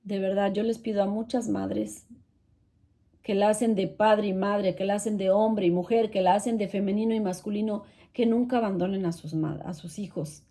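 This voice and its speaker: A woman's voice: mid-range voice, steady tone, normal speed, warm tone. A middle-aged woman telling a painful personal story in an earnest, pained way, often repeating herself. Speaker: channel host sharing her story. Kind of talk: emotional personal testimony.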